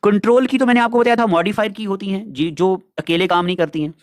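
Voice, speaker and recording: A man with a high, light voice gives an exam prep lecture in a chatty way. He asks the class questions and answers them himself. The sound is dry and close, with no room around it. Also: fairly even intonation, quick pace, dry recording. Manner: chatty, addresses students as dear children, asks and answers own questions. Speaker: teacher.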